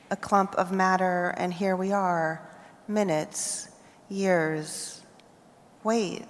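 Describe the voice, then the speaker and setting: At a festival reading hall, an American poet reads her work in a slightly low voice, measured and deliberate, pausing between lines so each one settles. A long reverberant tail from the hall trails after her words.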